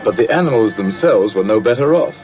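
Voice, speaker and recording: A grave storybook narrator, played by a man, speaks in a lowish, expressive voice. The delivery is measured and formal, in 1950s film style. Clear music plays behind on a dull soundtrack. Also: lightly acted.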